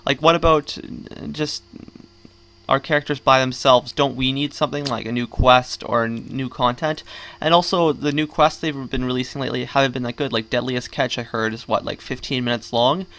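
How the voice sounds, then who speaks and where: With swollen cheeks and a sore jaw from wisdom tooth surgery, a gaming vlogger offers rambling, griping game commentary in a casual way. His voice is medium pitched and steady, with a moderate pace and a sharp tone.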